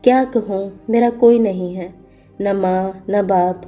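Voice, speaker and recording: A frightened young wife pleads in a soft, tearful voice, read out by a woman narrator. The tone is dark and mellow. Faint music plays underneath. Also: medium pitch, steady tone, lightly acted. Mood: pleading.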